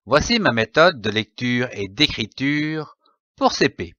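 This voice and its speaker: A man's voice: mid-range voice, big pitch swings, unhurried, bright, forceful tone, dry recording, highs cut off. A man teaching a phonics lesson to young children, spelling out letters and blending them into syllables and words. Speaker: reading teacher.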